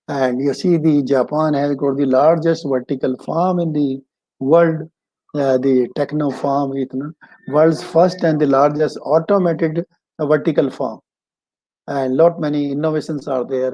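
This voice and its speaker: Mellow Indian-accented man, halting lecturer. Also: medium pitch, poor audio. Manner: halting, with repeated phrases. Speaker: agricultural expert giving a webinar talk. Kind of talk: informal slide presentation lecture.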